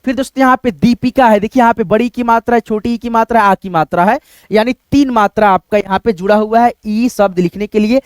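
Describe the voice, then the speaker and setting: A male teacher walks through a spelling lesson in a steady, patient voice, calling his viewers friends again and again. His voice sits high and comes across smooth and clear. The sound is dry and close to the mic. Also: a little fast, no echo. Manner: steady explaining, repeats "dosto" constantly. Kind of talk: screen-recorded spelling lesson.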